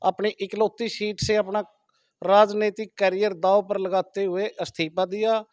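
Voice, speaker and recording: A man's voice: high voice, level tone, measured pace, a little mellow, no room sound, studio quality. A man from Haryana, answering a street political interview in an emphatic, insistent way. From Haryana, India. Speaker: villager interviewed about an election.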